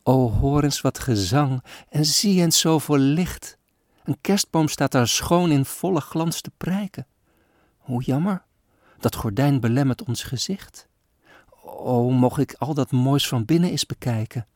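A man voicing a feverish, frail poor little girl who pleads softly in a storybook poem. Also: medium pitch, a little slow, no echo, studio quality, pitched above the performer's own voice, natural voice. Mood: pleading.

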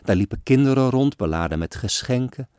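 A man giving a solemn, expressive recitation of an old-fashioned story poem. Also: medium pitch, brisk, clean tone, dry recording, studio quality. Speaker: reader. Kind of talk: dramatic poetry recitation.

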